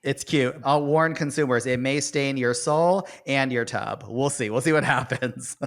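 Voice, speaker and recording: A man's voice: medium pitch, unhurried, a bit bright. A man hosting a podcast in a casual, campy conversational way. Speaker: podcast host. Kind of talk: casual recap chat.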